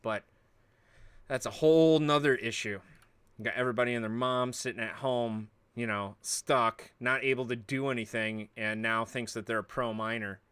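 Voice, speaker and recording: A man's voice: medium pitch, fairly even intonation, normal speed, fairly bright tone, smooth. A man hosting a livestream, chatting casually in rambling, joking rants. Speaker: livestream host.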